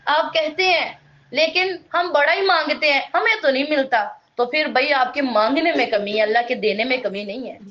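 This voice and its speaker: A woman with a high, light voice gives a religious lesson on the Quran. She leans on repetition to drive each point home and mixes explanation with storytelling. The sound is dull and lo-fi, like a modest home recording. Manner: emphatic, repeats words for stress. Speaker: Quran teacher.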